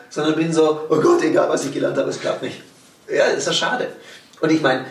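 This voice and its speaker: A man talking about his trade in an easy, lively way, acting out little scenes as he goes. He sounds somewhat away from the microphone, and the room gives his voice a noticeable echo. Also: a little high, recorded from a distance. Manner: lively, explains with acted-out examples. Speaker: sales trainer. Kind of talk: casual podcast conversation.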